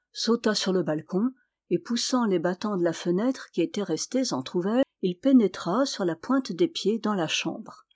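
A woman storyteller reading a fairy tale aloud in a measured, expressive way. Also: mid-range voice.

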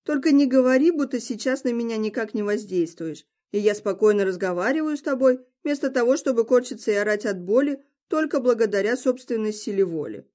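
A woman's voice: on the high side, expressive, a little fast, few pauses, warm tone, lightly acted. A woman reading the part of a wounded, stubborn young man who talks in a strained, commanding way.

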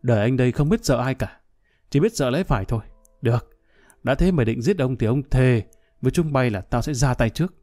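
A man's voice: mid-range voice, expressive, brisk, warm tone, faint music behind, close to an everyday voice. A man voicing a drunk, hot-tempered middle-aged man who rants and threatens revenge in a storybook reading. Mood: angry. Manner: blustering, vengeful rant.

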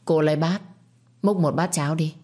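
A woman's voice: low-pitched, normal speed, husky. A woman voicing a young man, the master of the house, who speaks coldly and curtly. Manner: cold, curt, calm. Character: young male master of the house, cold and curt.

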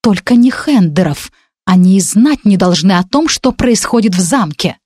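A woman voicing a haughty aristocratic duchess in an audiobook, imperious and icily sharp. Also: mid-range voice, animated, normal speed, slightly rough, dry recording. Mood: icy imperious. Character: haughty, cold-tempered aristocratic duchess, a mother.

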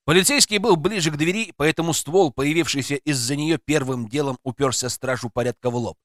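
A man's voice: a little high, brisk, a bit bright, no room sound. A man narrating a tense first-person story in audiobook style, close to the microphone.

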